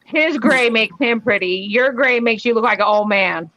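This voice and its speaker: A woman's voice: a little high, normal speed, bright, forceful tone, no echo. A woman in a casual group chat, teasing the others in a brash, profane way. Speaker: panel participant. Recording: muffled call audio.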